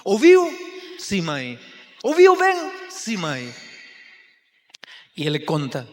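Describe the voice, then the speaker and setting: A man pastor telling a story in a dramatic sermon, swinging between loud cries and hushed words. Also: high-pitched. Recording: long hall reverb.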